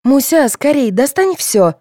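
An impatient, pushy teenage girl, read by a woman, her high voice jumping about with nervous urgency. Close, dry recording. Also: very animated, normal speed, darkish tone, no echo. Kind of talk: audiobook character voice.

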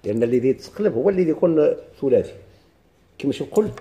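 A man's voice: mid-range voice, animated, racing, warm tone. A man with a Moroccan accent teaching a grammar lesson, explaining step by step and quizzing his students with questions.

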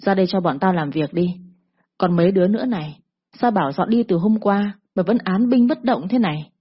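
A woman's voice: mid-range voice, fairly quick, slightly rough, lightly acted. A woman voicing a cocky, lewd male gangster loan shark who talks in a sneering, bullying drawl. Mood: menacing. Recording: dull lo-fi recording.

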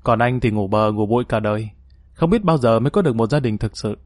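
A male reader voicing a spirited, affectionate young woman who talks in a lively, teasing way, recorded dry. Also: on the low side, quick pace, no echo, natural voice. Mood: content.

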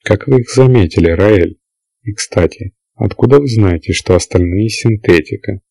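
A man reading the lines of a shrewd, seasoned male spaceship trader in an audiobook, in a measured, reasoning way. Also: fairly low pitch, vocal fry, mellow, no room sound. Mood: puzzled. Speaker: character in an audiobook.

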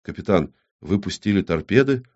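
A man voicing an excitable, soft-hearted young woman with emotional outbursts. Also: low-pitched, normal speed. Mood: stunned. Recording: dull lo-fi recording.

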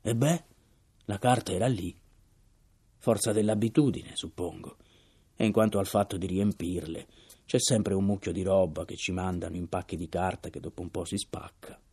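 A man's voice: deep voice, normal speed, dark tone, breathy edge. A man reading an audiobook voices a gaunt, deathly ill first mate who speaks solemnly in a hollow voice and breaks into agitated questions. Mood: insistent.

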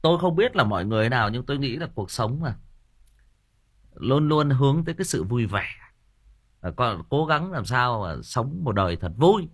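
A very animated man with a slightly rough, mid-range voice chats at a moderate pace with listeners of his audiobook livestream. He's jokey, rambling, stumbling over repeated filler words, and laughing at his own stories.

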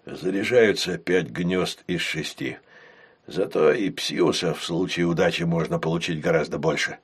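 A man voicing a burly male tavern keeper who speaks in a low, calm bass with quiet menace. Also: normal speed, breathy edge. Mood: gentle.

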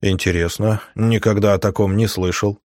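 A man reading the lines of a cautious, wry male mage in an audiobook, in a measured voice close to his own. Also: fairly low pitch, fairly even intonation, a little mellow, no echo, close to an everyday voice.

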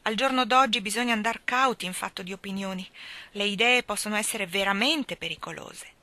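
A woman reading a novel aloud in an expressive, lively narration. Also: medium pitch, fairly quick. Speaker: reader.

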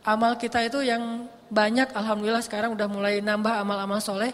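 A man's voice: high-pitched, little pitch movement, fast, a bit bright. A male preacher with a lilt giving a casual evening sermon, playful and acting out little dialogues. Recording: long hall reverb.

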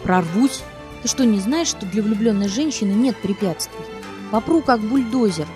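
A woman reading an audiobook who voices a giddy, playful young wife in a loud, teasing, mock-dramatic way. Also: medium pitch, expressive, moderate pace, over music, lightly acted. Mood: bold. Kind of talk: audiobook character voice.

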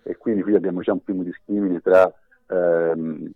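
Deep voiced guy on a tinny phone line, dry sound, careful formal legal talk. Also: steady tone, normal speed, no echo. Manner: formal, precise legal explanation. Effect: over the phone. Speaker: legal expert guest. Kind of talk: radio interview by phone.

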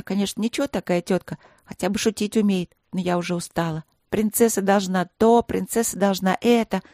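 A woman voicing a cheeky, chatty young princess in an audiobook, teasing and quick to chatter. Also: medium pitch, darkish tone, no echo, clean studio sound, pitched above the performer's own voice, natural voice. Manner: bubbly, teasing, rapid chatter. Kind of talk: audiobook character voice.

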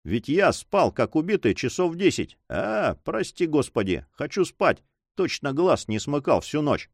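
A man's voice: on the high side, big pitch swings, measured pace, gravelly, dry recording, clean studio sound, pitched above the performer's own voice, full character voice. A man voicing a grumbling, sleepy male servant who talks bluntly and exclaims a lot.

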